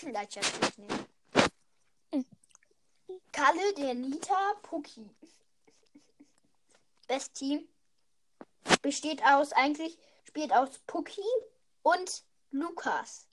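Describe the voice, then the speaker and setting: A woman's voice: sits high, animated, very slow, pauses often, fairly bright tone, slight background noise. A young female voice chatting casually while playing a video game, teasing and chanting in a sing-song way. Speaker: player. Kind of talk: casual gaming chat.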